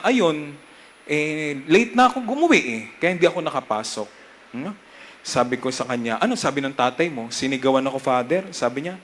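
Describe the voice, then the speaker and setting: A young man with a Filipino accent, a priest giving a lively homily and leading the congregation in call-and-response. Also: a little high. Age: young adult.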